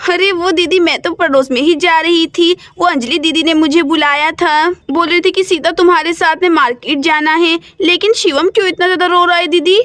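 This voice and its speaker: Hurried polite aunt, voiced by a woman, very high voice, quick talk, dry. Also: steady tone, fairly bright tone, dry recording. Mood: hurried, kind. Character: hurried kind young aunt.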